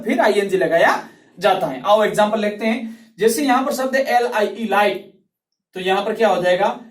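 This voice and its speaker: A male English tutor explaining grammar rules slowly and patiently, repeating each word and drawing out its sounds. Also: sits high, recorded from a distance. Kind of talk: classroom grammar lesson. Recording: roomy, voice from off the mic.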